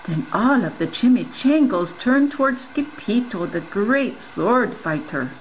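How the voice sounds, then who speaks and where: A woman reading a picture book aloud in an expressive, playful way, slipping in Spanish words. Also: medium pitch, a little slow, dull audio, a little hiss or hum. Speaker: reader. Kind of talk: storybook read-aloud.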